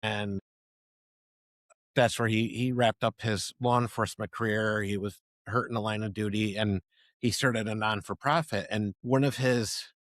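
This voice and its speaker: A middle-aged man hosting a conversational podcast, rambling with restarts and giving enthusiastic shout-outs. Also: fairly low pitch, fairly even intonation, a little slow, no room sound. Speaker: podcast host.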